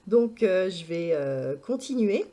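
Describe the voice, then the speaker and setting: Mellow-voiced hesitant woman vlogger. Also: fairly low pitch, very animated, slow pace. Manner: hesitant, many filler sounds and restarts. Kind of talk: casual spoken vlog update.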